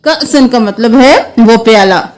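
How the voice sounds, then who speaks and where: A woman teaching Quran reading, spelling sounds out letter by letter and chanting verses slowly. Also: fairly high pitch. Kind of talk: slow tajweed lesson with recited verses.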